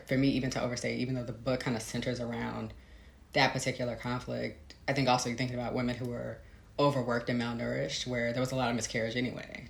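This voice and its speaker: With a rumbling low, creaky voice in a roomy-sounding recording, a guest author reflects in conversation during an interview. She is thoughtful and hesitant, often laughing lightly.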